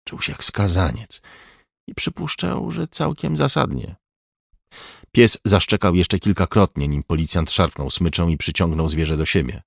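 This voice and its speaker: A man reading an audiobook in a measured, even scripted narration. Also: low-pitched, vocal fry, no room sound, studio quality.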